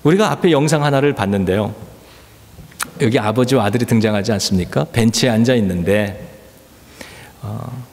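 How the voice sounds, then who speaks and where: A man pastor delivering a sermon in earnest storytelling, often pausing with filler sounds. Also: mid-range voice, darkish tone, long reverb tail. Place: church sanctuary.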